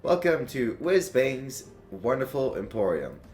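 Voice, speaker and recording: Brief: man doing a polite clockwork robot desk clerk for a tabletop game, formal, cheerful, mid pitch. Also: very animated, a little slow, a little mellow. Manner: chipper, formal customer-service greeting. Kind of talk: tabletop role-play character voice.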